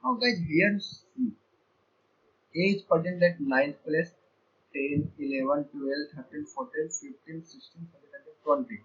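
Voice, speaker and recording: High-voiced man teaching code, lo-fi sound. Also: measured pace, a bit bright. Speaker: programming teacher. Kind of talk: screen-share coding lecture. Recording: dull lo-fi sound.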